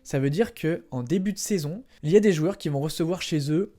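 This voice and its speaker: A man's voice: fairly high pitch, fairly quick, dark tone. A young man hosting a casual explainer vlog, chatting directly to viewers in a playful way and tossing in spoken sound effects. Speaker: trading card collector and channel host.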